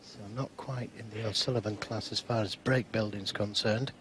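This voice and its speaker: A man giving measured snooker commentary in short, unhurried phrases. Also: on the low side, steady tone, background noise. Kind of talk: sports commentary. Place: live snooker broadcast commentary.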